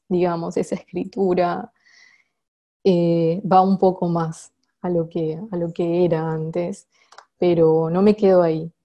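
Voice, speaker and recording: A woman answers reflectively in an interview as a poet, haltingly, often repeating words as she searches for the next one. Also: fairly low pitch, warm tone. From Colombian Caribbean coast.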